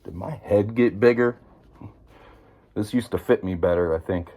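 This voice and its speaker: Deep-voiced man for a home vlog; chatty, rambling, pokes fun at himself. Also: normal speed, dark tone. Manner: rambling, self-deprecating, chatty. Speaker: vlogger. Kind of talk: casual show and tell. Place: indoors at home.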